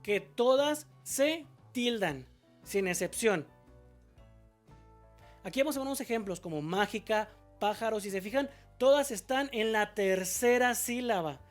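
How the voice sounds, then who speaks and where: A woman's voice: medium pitch, moderate pace, faint music behind. A woman teacher explaining a spelling lesson patiently, asking questions and answering them herself, and drawing out example words syllable by syllable.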